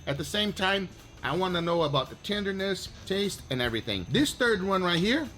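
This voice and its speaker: A man with a high, bright-sounding speaking voice hosts a casual food tasting. He teases his guest and laughs a lot between bites. His talk is loose and chatty. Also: big pitch swings, fairly quick. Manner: laughs often, teasing and upbeat. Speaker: cooking video host.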